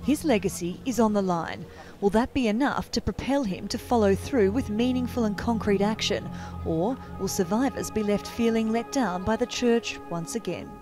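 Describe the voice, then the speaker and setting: A woman reporter reading a scripted news voice-over with a measured, even delivery. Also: mid-range voice. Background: music bed.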